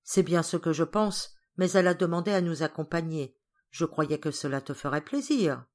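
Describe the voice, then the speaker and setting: A woman's voice: deep voice, animated, normal speed, a little mellow. A woman voicing a brusque, busy father in an audiobook. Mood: curt. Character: gruff grumpy father, curt and busy.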